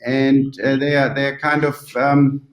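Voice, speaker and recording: Man, German accent, native German speaker, roomy echo, halting, translating in his head, thoughtful interview answers. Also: mid-range voice, flat delivery. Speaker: interview guest from the yachting industry. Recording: roomy, echoing sound.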